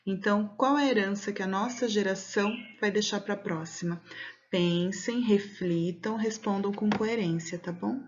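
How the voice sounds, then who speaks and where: A Brazilian woman teaching a recorded lesson for children, explaining patiently step by step and slowly stretching out words to mark the stressed syllable. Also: mid-range voice, highs cut off, a little hiss or hum. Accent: Brazilian Portuguese. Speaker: schoolteacher.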